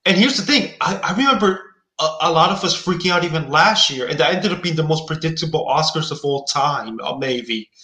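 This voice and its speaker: A man's voice: fairly high pitch, lively intonation, fairly quick, pushed and bright. A man hosting a casual chat about award predictions, thoughtful and hedging with frequent restarts. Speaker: podcast host. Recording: echoey room.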